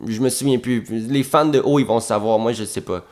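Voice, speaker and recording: A young man with a Québécois French accent, an actor telling behind-the-scenes stories in an animated, profane way, repeating words for emphasis. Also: medium pitch, moderate pace. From Quebec. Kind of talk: casual storytelling monologue.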